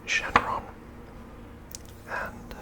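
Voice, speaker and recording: Whispering breathily without voicing, an ASMR host offers unscripted show-and-tell commentary in a hushed, unhurried way.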